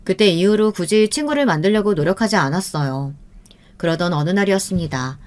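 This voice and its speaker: Woman in her fifties, steady first-person storytelling narration, even and unhurried. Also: fairly low pitch.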